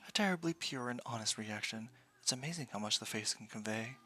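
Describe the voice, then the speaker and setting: A man's voice: medium pitch, animated, fairly quick, pushed and bright. A man voicing a wry, curious young woman scientist in a game, with wordy, clinical musing. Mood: amused clinical.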